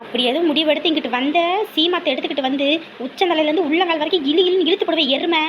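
A woman's voice: sits high, fairly even intonation, slight background noise, close to an everyday voice. A middle-aged woman playing a bossy mother who scolds and advises her grown son. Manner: bossy, scolding, quick-fire advice.

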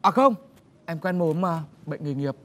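A theatrical nosy neighbor. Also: male voice, a little high, expressive, moderate pace, a bit bright. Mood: chatty. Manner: overblown lamenting and know-it-all explaining. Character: nosy village neighbor man, theatrical and tactless.

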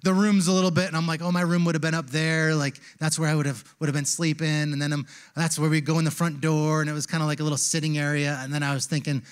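A man's voice: on the high side, little pitch movement, fast, few pauses, clear, resonant tone. Man preaching on a church stage. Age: 40s. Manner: conversational storytelling, turns hushed and reflective. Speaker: pastor. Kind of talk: sermon. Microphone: handheld mic.

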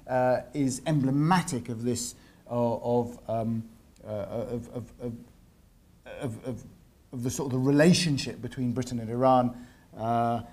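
A male lecturer speaks to a university seminar audience. His voice is mellow and dark-toned, sitting at an ordinary middle pitch. He often stalls on repeated words and fillers before he lands on the phrasing he wants. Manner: hesitant, repeats words while searching for phrasing. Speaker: visiting lecturer.

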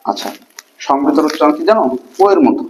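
A man teaching a grammar lesson to a class, asking many quick questions in a casual, colloquial way. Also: on the high side, very animated, slight background noise, low-quality recording.

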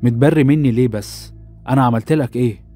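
A man's voice: medium pitch, fast, mellow, soft background music, close to an everyday voice. A man voicing a deformed young man locked in a cellar, speaking in an Egyptian accent with raised, tense delivery. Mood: bitter. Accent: Egyptian Arabic.

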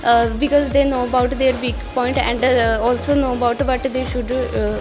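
A woman's voice: on the high side, level tone, normal speed. A woman student searching for words as she answers, over a music bed. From India. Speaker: student test-taker. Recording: music bed under speech.

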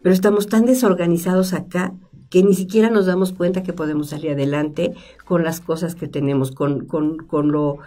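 A middle-aged woman with a low, mellow voice talks through ideas at a studio desk mic. She speaks in a reflective way and strings together rhetorical questions. The sound is close and clear. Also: steady tone, normal speed. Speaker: psychologist guest. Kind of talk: conversational explanation. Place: studio with stone wall, seated at table. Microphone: desk microphone.

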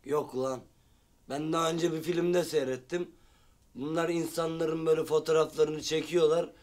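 A man's voice: fairly high pitch, little pitch movement, normal speed, a little mellow, natural voice. A man in a sitcom playing a naive friend who tells odd tales in earnest. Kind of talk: sitcom comedy acting.

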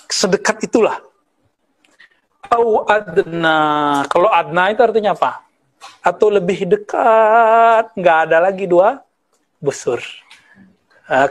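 A man in his thirties from West Sumatra, an Islamic preacher giving a conversational study lecture with Arabic terms and teasing asides. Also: on the high side. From West Sumatra, Indonesia. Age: 30s.

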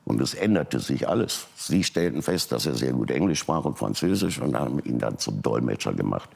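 An older man, a talk show guest, telling a personal family story and acting out the people he quotes. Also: brisk. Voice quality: very deep, gravelly and husky. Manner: animated retelling, voicing quoted people.

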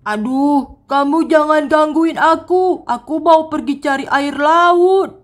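A woman voicing a crowned male king worm who is parched and keeps pleading for salt water in a drawn-out whine. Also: sits high, pitched above the performer's own voice. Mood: distressed.

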